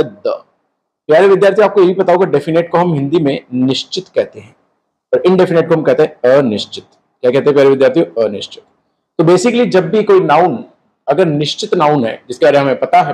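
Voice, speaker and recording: A man's voice: a little high, darkish tone, poor audio. A young man teaching an exam-prep grammar lesson, often calling out to his students and repeating key words back as questions.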